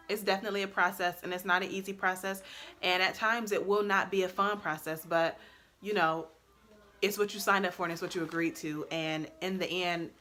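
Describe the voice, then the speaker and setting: Bright-voiced young woman giving casual advice. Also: lowish voice. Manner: chatty and expressive, laughs often, loud and bold when excited. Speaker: vlogger and army soldier.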